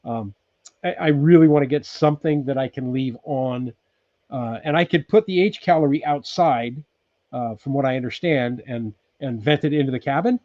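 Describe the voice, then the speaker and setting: Chatting casually from his off-grid cabin, this livestream host, a sixties-aged man from California, reads viewer comments amid many ums and restarts. His medium-pitched voice moves at a moderate pace, and the recording is muffled with no echo.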